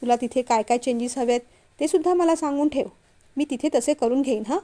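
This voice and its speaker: A woman's voice: sits high, brisk, dark tone, natural voice. A woman reading as a whiny, childish young man. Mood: earnest. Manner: pleading, whiny.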